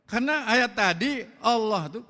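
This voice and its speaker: An older man with a Betawi accent preaching a blunt, loud mosque sermon in slangy street talk, firing rhetorical questions at the congregation. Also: extremely high pitch, animated, a little slow. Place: large mosque hall. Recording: long mosque reverb.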